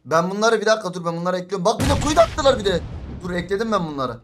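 Brief: young male game streamer, high voice, rapid exasperated griping. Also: expressive, over music. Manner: fast, exasperated, complaining. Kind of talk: live gaming stream chat.

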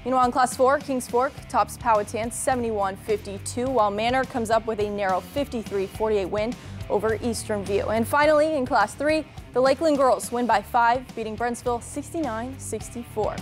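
A young woman delivers scripted sports highlights with an upbeat, punchy rhythm. Her voice sits somewhat high. A faint music bed plays under her in the studio. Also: moderate pace. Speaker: sports reporter. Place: TV news studio.

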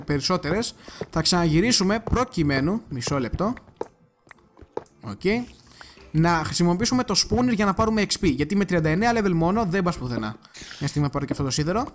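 A fairly high-voiced man talks his viewers through his gameplay in a loose, chatty way. He gets excitable fast and now and then bursts into loud cursing. A faint hiss sits under his voice. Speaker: gaming video creator. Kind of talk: casual gameplay commentary.

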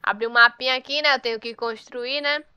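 Woman, high voice, bright tone, casual gameplay chatter. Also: steady tone, a little fast, clear, resonant tone, no room sound. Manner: chatty, teasing the game characters. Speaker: gameplay youtuber.

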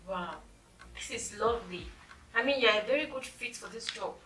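A woman's voice: on the high side, normal speed, close to an everyday voice. A woman playing a polite, gushing secretary. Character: polite cheerful young female secretary. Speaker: company secretary. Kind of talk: skit acting. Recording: echoey room, mic far off, noisy.

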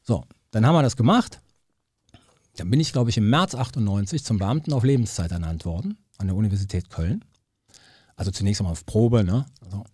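A husky man in his fifties, from Cologne, talks as a studio guest and spins his anecdotes with energy. His tone sits dark and mellow, the sound is dry and close. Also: lowish voice, brisk, no room sound. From Cologne, Germany. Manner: animated storyteller who acts out quoted voices. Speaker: guest, political scientist. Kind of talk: casual storytelling interview.

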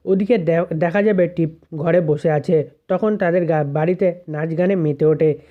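A man's voice: a little high, fairly even intonation, measured pace. A man casually recapping a TV serial, quoting each line and restarting words. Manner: retells with many quotes, restarts words. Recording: tinny phone-like audio.

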